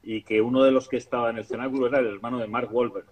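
Fast-talking male interviewer. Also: medium pitch, fairly even intonation, recorded from a distance, rough recording. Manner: quick, brief clarifying interjections. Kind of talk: casual interview on a video call.

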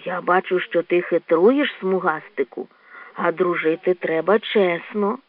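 A woman doing a timid, hushed young raccoon. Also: mid-range voice, lively intonation, no echo, voice pushed down, close to an everyday voice. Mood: gentle. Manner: soft, hushed and slow. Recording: tinny lo-fi dry recording.

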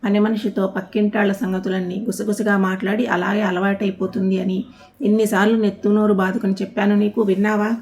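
A woman's voice: mid-range voice, little pitch movement, fairly quick, a little mellow, close to an everyday voice. A woman voicing a short-tempered middle-aged husband who scolds his gossiping wife in a comic storybook tale. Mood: scolding. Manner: scolding, exasperated.

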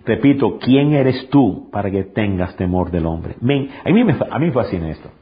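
A male pastor preaching an impassioned sermon, swinging from high, forceful peaks down to low, intimate tones. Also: lively intonation, moderate pace. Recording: dull lo-fi sound.

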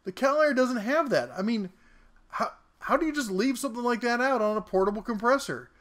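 A man's voice: very high voice, brisk, fairly bright tone. A man hosting a casual tool review in a home workshop, talking while he works and cracking jokes at himself. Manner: wisecracking, talks while working.

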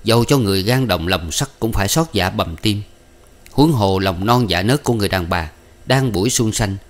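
Male narrator, somewhat low voice, measured audiobook reading with footnotes. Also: animated.

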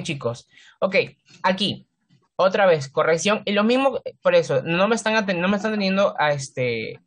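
A man teaching a children's English class, patiently correcting pronunciation and repeating words slowly. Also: high voice.

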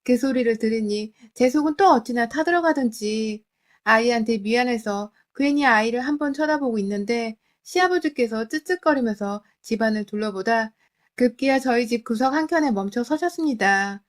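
A woman tells a scripted first-person family story in an emotional, confiding manner. Her voice sits a little high for a woman. The delivery stays close and storyteller-like. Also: normal speed. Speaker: story narrator. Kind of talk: scripted dramatic storytelling narration.

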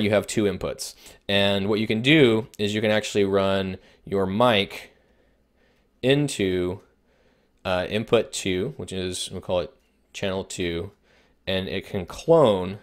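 A man explaining audio recording techniques in a conversational lesson, with frequent fillers and restarts. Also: lowish voice. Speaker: instructor. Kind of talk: video production lesson.

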